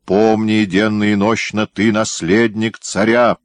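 A wrathful aging tsar barks orders in a dark, low voice lifted into command, as a male narrator plays him. He speaks raised and forceful, quick to anger. The recording is close and dry. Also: level tone, no room sound, natural voice. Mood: stern.

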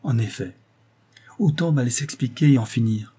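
A male audiobook narrator reads a novel with measured, even pacing. His voice is dark and mellow, with a slightly husky edge, at an ordinary pitch.

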